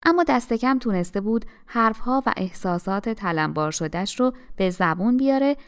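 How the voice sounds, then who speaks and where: A woman reading a self-help audiobook in a calm, measured, advising manner. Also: mid-range voice, clean tone. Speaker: audiobook narrator.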